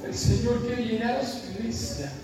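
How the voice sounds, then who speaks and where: A man from the Dominican Republic preaching a sermon as a guest pastor, fervent and emotional, swinging from hushed to shouting. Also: very high-pitched, moderate pace. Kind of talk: preaching a sermon with live interpretation. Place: large church hall. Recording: echoey church hall from far off, music behind.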